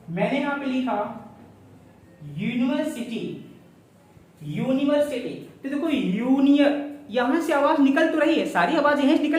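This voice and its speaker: A woman's voice: high-pitched, darkish tone. A woman teaching an English grammar lesson at a whiteboard, posing rhetorical questions and checking "right?" with her students. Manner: addresses students as "guys" and "child". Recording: very echoey room, mic far off, faint noise.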